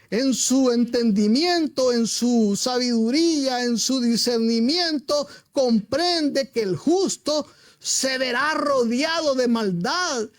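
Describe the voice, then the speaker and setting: A man's voice: very high voice, no room sound, clean studio sound. A man preaching a sermon as pastor, retelling a story with emphasis and rhetorical questions to his congregation.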